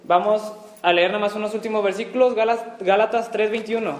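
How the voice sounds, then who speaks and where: A man's voice: sits high, fairly even intonation, fairly quick. A man leading a church Bible study, putting questions to the group and explaining with everyday comparisons. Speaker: Bible class teacher. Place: church classroom with a small group. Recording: echoey room.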